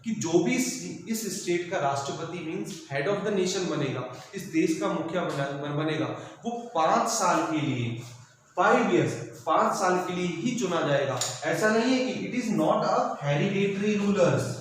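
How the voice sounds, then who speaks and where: In a classroom recording full of echo and faint background noise, a male teacher with a somewhat high voice explains civics to his students. He repeats every point, calls the children "beta," and blends English words into his Hindi.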